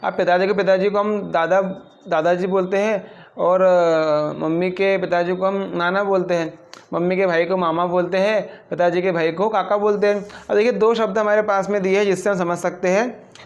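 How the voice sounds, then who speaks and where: Male teacher, high and clear, drills vocabulary with question-and-answer repetition. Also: steady tone, moderate pace, highs cut off. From India. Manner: repeats words and asks the class questions. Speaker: English teacher. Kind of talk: classroom lesson explaining vocabulary.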